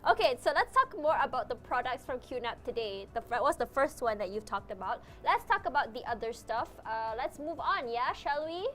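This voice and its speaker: Young woman host on a live tech show, super high voice bouncing everywhere, jittery and jokey, faint music behind. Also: animated, a bit bright. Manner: giddy, fast, laughing, jokey. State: jittery on energy drink.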